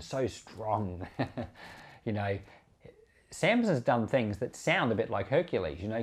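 With a medium-pitched, darkish voice, a male pastor walks through the Bible informally for his podcast. His delivery is chatty yet emphatic, and he leans on examples to make things clear.

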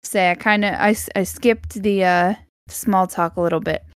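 A woman's voice: medium pitch, fairly even intonation, normal speed, clean tone, dry recording, studio quality. A young woman co-hosting a podcast in casual chat, laughing easily and hesitating with fillers. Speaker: podcast co-host.

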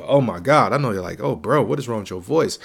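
A young man with a mid-range, creaky, slightly rough voice hosts a casual solo gaming podcast, sounding a bit stuffy and congested. He talks fast and animated in slang, bringing hype-man energy and repeating lines for emphasis.

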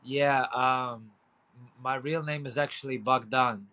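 A man's voice: mid-range voice, steady tone, a little slow, pushed and bright, rough recording. A man in his thirties from Ukraine, speaking English with a Ukrainian accent, rambling casually with fillers as a guest on a podcast. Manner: rambling, frequent fillers and profanity. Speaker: guest, boxing coach. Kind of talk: casual interview.

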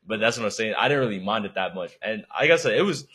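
Husky low-voiced young man, slangy chat. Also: expressive, quick pace, fairly bright tone. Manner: slangy, laid-back, swears often. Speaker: podcast co-host. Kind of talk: casual chat.

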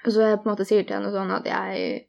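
A woman's voice: mid-range voice, very animated, gravelly, dull audio. A young woman telling a personal story in conversation, earnest and candid, retelling each exchange in detail.

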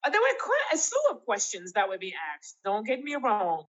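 A woman's voice: wildly swooping pitch, a little fast. Woman, 50s, interview guest. Emphatic, laughing delivery; slightly dull recording. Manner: emphatic and laughing, swoops up in pitch. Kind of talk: casual interview chat.

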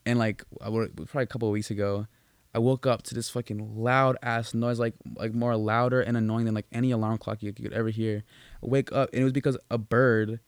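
A young man chatting loosely on a podcast, tripping over his words and swearing through his stories. His voice sits at a middling pitch. The sound is dry and close. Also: little pitch movement, fast talker, smooth, dry recording. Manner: rambling, profane, many restarts and fillers. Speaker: podcast co-host. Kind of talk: casual chat.

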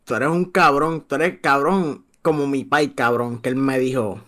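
A man's voice: mid-range voice, fairly even intonation, a little slow, bright, forceful tone. A man co-hosting a casual podcast, telling a story in a rambling way full of swearing. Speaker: podcast co-host.

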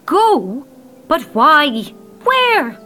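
A woman's voice: high voice, sing-song, extremely slow, sharp tone, faint music behind, exaggerated voice. An actress playing the Snow Queen, an imperious woman who questions sharply. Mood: probing. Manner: prying, demanding questions. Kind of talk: audio drama acting.

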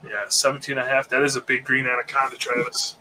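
A man's voice: mid-range voice, completely flat delivery, quick pace, bright, forceful tone, slight background noise, poor audio. A man in his late thirties hosting a podcast live stream, chatting casually in a laid-back, rambling way with plenty of fillers. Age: 30s. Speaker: podcast host.

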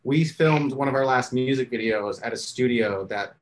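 A man's voice: mid-range voice, normal speed, slight background noise. A man, a podcast co-host, chatting casually and telling stories animatedly, laughing often. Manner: animated storyteller, laughs often, acts out his kids' voices. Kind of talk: casual chat.

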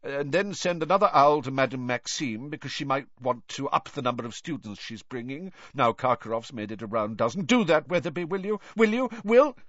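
A man's voice: mid-range voice, animated, a little fast, hardly any pauses, fairly bright tone, dry recording, highs cut off, pitched above the performer's own voice. A man voicing an exhausted, deranged older wizard official in an audiobook, rambling and gasping with effort. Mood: manic rambling. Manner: muttering, gasping, broken effortful speech.

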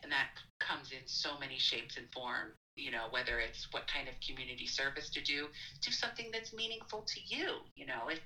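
A middle-aged woman, an admissions counselor, telling a story in a casual interview, animated and laughing often. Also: brisk, hardly any pauses, rough recording. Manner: animated, laughs often, acts out quotes in a high voice.

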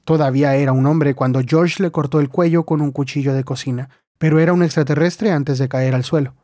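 A male narrator reads a short story in a steady, measured way. His voice sits fairly high for a man. The recording is dry and close, with no room sound. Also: no room sound. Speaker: audiobook narrator. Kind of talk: scripted narration.

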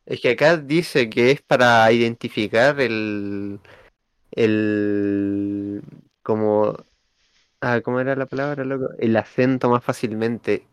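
A man's voice: medium pitch, little pitch movement, slow pace, clean tone, dry recording, clean studio sound. A man with a Chilean accent co-hosting a casual chat, rambling and tripping over words as he reads aloud. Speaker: podcast co-host.

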